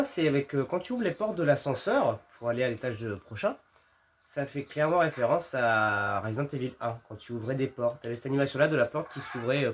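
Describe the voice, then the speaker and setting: A man giving casual commentary on a horror game, reacting in a jittery, exasperated gamer way with mild swearing. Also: medium pitch. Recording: music playing behind the voice. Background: game music.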